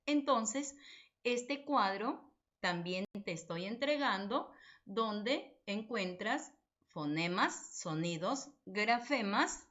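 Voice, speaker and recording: A woman lectures on phonology at an unhurried pace, her pitch rising and falling a lot. She keeps asking and answering her own questions and checking in with her students. The recording sounds dull and lo-fi. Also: fairly bright tone. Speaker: phonology teacher.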